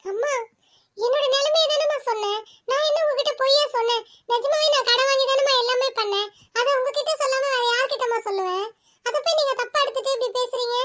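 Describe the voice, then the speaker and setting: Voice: extremely high pitch, quick pace, a bit bright. ஒரு குரல் நடிகர் மனம் புண்பட்ட இளம் தங்கையாக, சிணுங்கும் தொனியில் பேசுகிறார். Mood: hurt whining. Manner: whining, wounded. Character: hurt young married sister, tearful and demanding.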